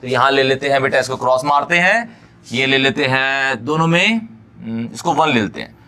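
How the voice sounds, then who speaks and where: A male chemistry teacher giving an exam-prep lecture, often checking that students follow and repeating key phrases slowly for them to note down. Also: medium pitch, sharp tone. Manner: keeps checking understanding, addresses students fondly.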